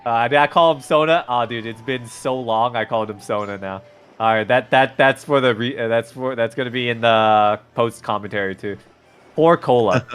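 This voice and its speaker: A man's voice: mid-range voice, normal speed, a bit bright, clean tone, soft background music. A man doing casual live game commentary as a hyped gamer bro. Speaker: race commentator.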